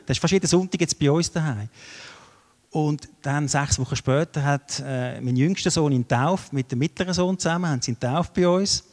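A middle-aged man with a Swiss German accent, preaching a sermon with lively storytelling that swings between loud and soft. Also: on the high side, brisk. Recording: long hall reverb.

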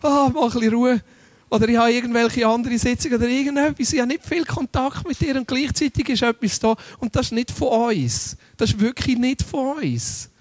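High-voiced preacher man, dry sound. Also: brisk, no room sound. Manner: earnest, conversational preaching with rhetorical questions. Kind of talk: sermon.

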